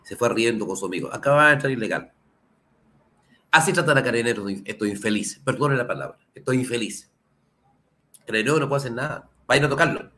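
A Chilean man, a lawyer hosting his own program, delivering impassioned political commentary with a hoarse, sore throat, asking the audience rhetorical questions. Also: medium pitch, a little fast, pushed and bright. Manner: indignant, rhetorical questions, addresses the audience directly.

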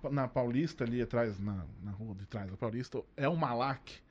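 A man's voice: mid-range voice, normal speed. A man co-hosting a casual chat, rambling and restarting his thoughts. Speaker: podcast co-host. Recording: dull, lo-fi sound.

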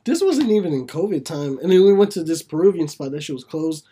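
High-voiced joking man. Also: big pitch swings, fairly quick, dark tone, slightly rough. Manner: joking, teasing, swears often. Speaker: podcast co-host. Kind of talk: casual chat among friends.

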